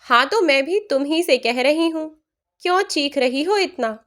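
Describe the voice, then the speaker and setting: A woman voicing a rude, scornful young daughter-in-law who shouts insults. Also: sits high, lively intonation, normal speed.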